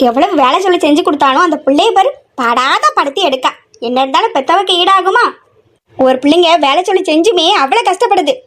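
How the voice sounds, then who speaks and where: Woman as a nagging middle-aged mother, high-pitched, constant scolding; comedy skit. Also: animated, quick pace, a bit bright. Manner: scolding, complaining nonstop.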